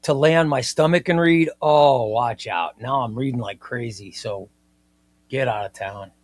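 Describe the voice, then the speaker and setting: With a mid-range, unhurried voice, a man in his fifties hosts a comic book livestream, casually and enthusiastically reading viewer comments and often circling back to repeat himself.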